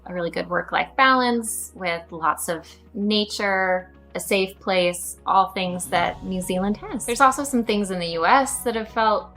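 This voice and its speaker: A woman in her thirties from the United States co-hosting a family vlog, speaking in a measured, reflective and friendly way. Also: mid-range voice, fairly bright tone, faint music behind. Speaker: vlog co-host, mother. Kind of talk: casual family vlog talk.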